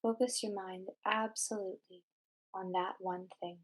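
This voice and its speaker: A woman leads a meditation in a mid-range voice with fairly even intonation. Her delivery is measured and scripted, with deliberate, instructional phrasing.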